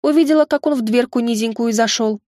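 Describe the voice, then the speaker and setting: A woman's voice: a little high, fast, darkish tone, no room sound, clean studio sound, close to an everyday voice. Woman doing a coy, purring servant girl.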